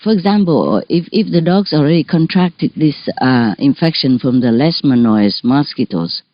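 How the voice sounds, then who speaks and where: Woman, chatty storytelling, lowish voice, dull dry recording. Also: expressive, normal speed, dry recording. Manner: chatty, warm anecdotes with frequent laughs and restarts. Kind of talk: casual talk to an audience.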